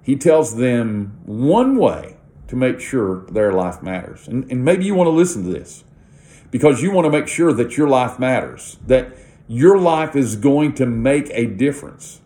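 A man's voice: medium pitch, very animated, unhurried, mellow. Earnest man giving a morning devotion. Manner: earnest, conversational, with light laughs. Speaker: devotional podcast host.

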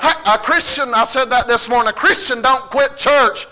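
High-voiced Southern preacher man with a drawl. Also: moderate pace, bright, forceful tone. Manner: folksy Southern drawl, exhorting with repeated phrases. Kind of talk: impassioned revivalist sermon.

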